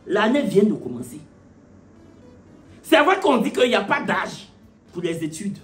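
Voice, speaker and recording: Animated male comedian telling a story. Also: high-pitched, unhurried, soft background music. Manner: animated, mocking, rhetorical questions. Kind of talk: stand-up storytelling.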